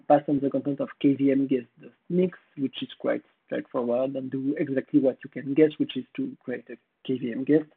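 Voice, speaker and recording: A man with a French accent gives a technical conference presentation in a fairly high voice that is hoarse and husky. He talks haltingly and pauses to search for words. The sound is thin and tinny, like a phone line. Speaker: conference speaker.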